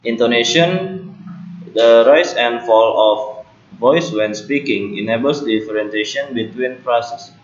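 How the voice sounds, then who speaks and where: Male student presenter, slow and deliberate, roomy lo-fi recording. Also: medium pitch. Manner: slow, careful delivery with small self-corrections. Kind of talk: read academic presentation. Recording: roomy, dull lo-fi home recording.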